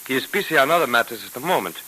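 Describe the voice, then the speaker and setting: An ornate, fawning 1940s radio figure. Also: male voice, medium pitch, animated, bright, forceful tone, low-quality recording. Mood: sly. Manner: slow, ornate, obsequious speech. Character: fawning, formal Egyptian man in custody. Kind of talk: 1940s radio drama acting.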